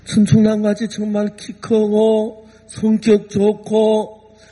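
Husky high-voiced male pastor preaching. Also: completely flat delivery, slow, warm tone, faint music behind. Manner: emotional preaching, acting out voices in quotes. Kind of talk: sermon. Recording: long hall reverb.

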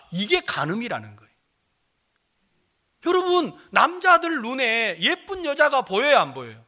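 A man preaching a sermon in a very high, bright voice that leaps up and down as he tells stories. He acts out what people said and keeps firing questions at his congregation. He is a pastor who grew up in Jeolla. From Jeolla, South Korea. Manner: animated storytelling, acting out quoted speech, questioning the congregation.

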